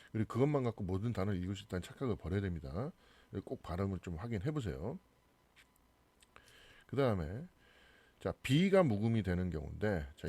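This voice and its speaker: A man's voice: lowish voice, mellow, breathy edge, no room sound. A man with a Korean accent teaching English pronunciation, patiently explaining and repeating each word twice. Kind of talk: classroom pronunciation lesson.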